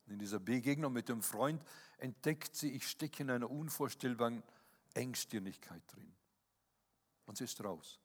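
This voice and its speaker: A man's voice: medium pitch, normal speed. A man preaching a sermon in an earnest manner, often checking in with listeners with a questioning "ja?". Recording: reverberant hall.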